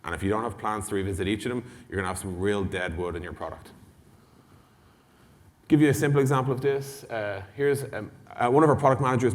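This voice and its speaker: A tech company executive speaks to the room from a conference stage in a large indoor hall, giving a casual, blunt product talk with mild swearing and role-played dialogue. His pitch is fairly low, and long hall reverb colors the sound.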